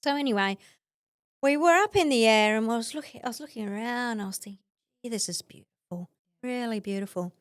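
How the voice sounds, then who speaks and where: A middle-aged Australian woman telling her story as a podcast guest, animated, laughing often and acting out what others said. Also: fairly high pitch, fairly quick, no room sound, studio quality. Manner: animated, acts out quoted voices, laughs often. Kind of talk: conversational storytelling.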